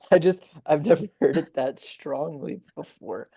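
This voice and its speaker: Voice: medium pitch, measured pace, vocal fry, dark tone, slightly rough. A player at a tabletop game, teasing and laughing with the others. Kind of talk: casual chat at a game table.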